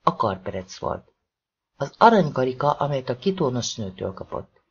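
A man's voice: mid-range voice, very animated, slightly rough, dull audio. A man narrating a suspenseful novel in a dramatic audiobook reading.

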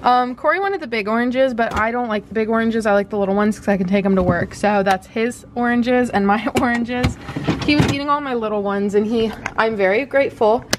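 A young woman talks into her phone camera in her kitchen, rambling easily with plenty of "like" and "um" and quick laughs. Her voice sits a bit high. A faint hiss of background noise runs under it. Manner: chatty, uses "like" and "um" a lot, laughs often. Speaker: vlogger. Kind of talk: casual vlog chat. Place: at home, in the kitchen.

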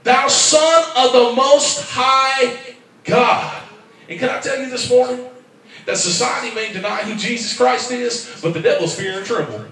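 A man preaching a fervent sermon in church, swinging from quiet asides up to shouted, rhythmic calls. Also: very high voice, a little slow, distant mic. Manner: fervent, rising to shouts, call-and-response. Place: church sanctuary. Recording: very echoey church hall from afar.

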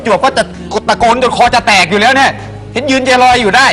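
An actor playing an excitable errand boy in a sitcom who calls out loudly. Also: very high-pitched, fast talker. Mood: excited. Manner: loud, calling out. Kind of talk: sitcom acting.

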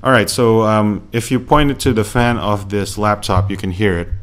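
A man's voice: lowish voice, fairly even intonation, normal speed. A man casually talking through a microphone he is reviewing, rambling with many fillers and restarts, close to a USB desk mic at home. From Philippines. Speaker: tech reviewer. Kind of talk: casual unboxing commentary. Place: home room with laptop fan. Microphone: USB desk microphone held close.

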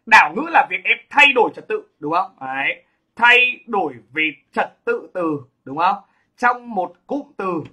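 A male literature teacher lecturing high school students, emphatic and constantly checking in with "right?". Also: pushed and bright, slightly rough. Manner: emphatic, keeps asking "đúng không?".

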